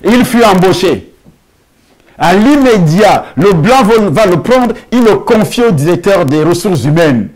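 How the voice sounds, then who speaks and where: A pastor preaching a sermon and telling a testimony, with emphatic, drawn-out phrasing and rhetorical questions. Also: male voice, high-pitched, expressive, a little mellow. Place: church hall.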